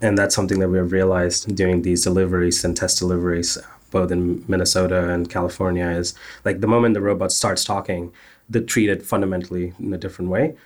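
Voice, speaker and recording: A man's voice: sits low, flat delivery, fast talker, a little mellow. A man, a startup founder, answering interview questions in an earnest, technical way with frequent filler sounds.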